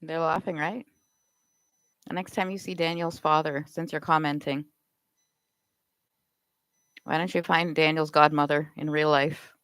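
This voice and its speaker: A woman's voice: sits low, flat delivery, a little slow, long pauses, a bit bright, smooth, no echo, low-quality recording. A Canadian woman live streaming, firing off accusatory rhetorical questions in a confrontational rant.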